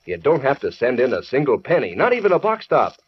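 An American man pitching to children as an old-time radio announcer, chummy and enthusiastic. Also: wildly swooping pitch, fast talker, slightly rough. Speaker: announcer reading sponsor messages. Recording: dull vintage radio recording.

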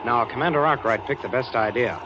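A man's voice: a little fast, close to an everyday voice. An actor playing an earnest, confident young male space cadet leader in a 1950s radio adventure serial. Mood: reassuring. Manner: earnest, assured. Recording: muffled old radio broadcast, background rumble.

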